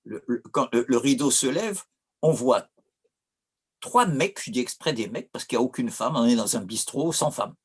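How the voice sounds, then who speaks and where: A man's voice: medium pitch, lively intonation, normal speed, husky. A man with a Corsican accent giving an informal, digressive lecture on opera, with frequent hesitations and restarts. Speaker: philosophy lecturer.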